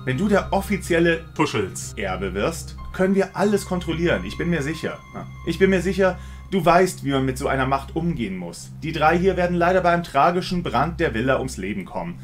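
A man's voice: on the high side, very animated, brisk, soft background music, pitched above the performer's own voice. A man reading out a smug, mocking female killer in an audiobook-style story. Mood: scheming. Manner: smug, mocking, coolly theatrical. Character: cold scheming female killer, gloating.

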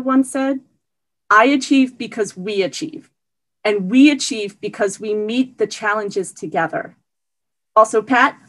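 A woman giving a prepared award acceptance speech over a video call, earnest and steady. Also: mid-range voice, poor audio. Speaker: award recipient.

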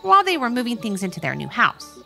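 A tiny, kind-hearted gnome with a high, lilting voice that climbs and dips with feeling, as a woman reading a storybook puts her on. She speaks gently, with a pleading, worried edge. The tone is bright and has a slight gravelly fry. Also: wildly swooping pitch, fast talker, soft background music, exaggerated voice. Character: sweet kind little female gnome.

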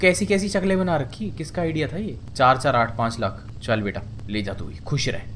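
A man's voice: fairly high pitch, moderate pace, a bit bright, slight background noise. A young man giving casual gameplay commentary, joking and chattering to himself and the game as he plays. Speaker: gaming channel host.

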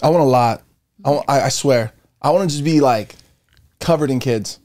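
A man's voice: mid-range voice, moderate pace, background noise. A man co-hosting a podcast in a studio, joking around and reacting playfully. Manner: playful, laughs often, jokey reactions. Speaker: podcast co-host. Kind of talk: casual podcast chat. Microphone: studio mic on boom arm, headphones.

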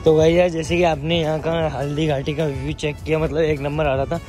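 A young man from India, motovlogging outdoors at night on a clip-on helmet mic, excitable and full of repeated catchphrases. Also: a little high, fairly quick, loud music behind the voice. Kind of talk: casual vlog narration. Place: outdoors at night, on a motorbike and walking a lit hilltop park. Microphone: clip-on mic under helmet.

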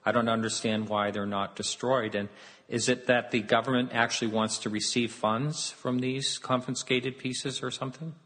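A man's voice: medium pitch, fairly even intonation, normal speed, a bit bright. A man hosting an interview, asking curious follow-up questions. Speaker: interview host. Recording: long reverb in a roomy space.

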